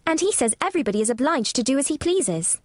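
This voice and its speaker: A woman's voice: high voice, big pitch swings, quick pace, no room sound, studio quality, voice pushed up. A woman voicing an earnest, self-assured little girl in an audiobook. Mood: firm. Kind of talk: audiobook character voice.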